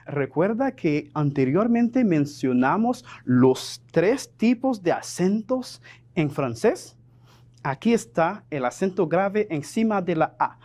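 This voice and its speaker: A man's voice: sits high, darkish tone. A man teaching a televised lesson, explaining patiently and repeating examples as he moves between French and Spanish.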